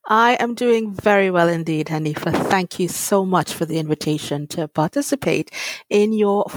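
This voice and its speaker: A woman in her fifties from Trinidad, answering interview questions in a measured, thoughtful way. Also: on the low side, no echo. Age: 50s. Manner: measured, thoughtful, with fillers and light laughs. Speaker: guest, author.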